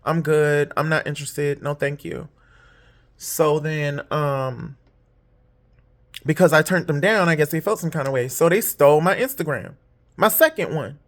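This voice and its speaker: A tired woman telling a long story in a rambling, candid way, swearing freely and jumping up in pitch whenever she quotes someone. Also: a little slow. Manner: jumps high when quoting others; putting on false lashes while talking. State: tired, yawning. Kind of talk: casual storytime monologue.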